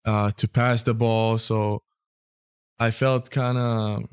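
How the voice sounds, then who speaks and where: A young man from Israel, a guest in a casual interview, speaking in a relaxed way with many fillers. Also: fairly low pitch, slow, smooth, no room sound, studio quality. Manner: relaxed, filler-heavy speech. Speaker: guest athlete.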